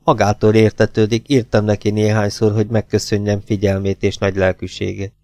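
A man's voice: on the low side, completely flat delivery, a little mellow, dry recording, natural voice. A man reading an audiobook voices a proud, defensive woman who answers with defiant agitation. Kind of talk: audiobook character voice.

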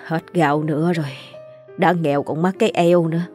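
A woman voicing a poor, weary middle-aged mother who speaks softly and tenderly to her son. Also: sits low, fairly even intonation, a little fast, soft background music, lightly acted. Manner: soft, sniffling.

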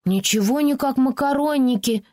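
A woman reads aloud as a small, earnest girl with prim, old-fashioned phrasing, pitched high above an ordinary speaking voice. The lines leap up and down in lively swings. The booth is dry, with no room sound. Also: moderate pace, no room sound. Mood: indignant. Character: small bookish girl, earnest and easily hurt. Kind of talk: audiobook character voicing.

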